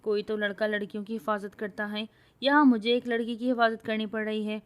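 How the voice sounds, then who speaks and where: Woman doing a loud, bossy young heroine with a short temper. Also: mid-range voice, steady tone, natural voice. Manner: loud scolding, bragging.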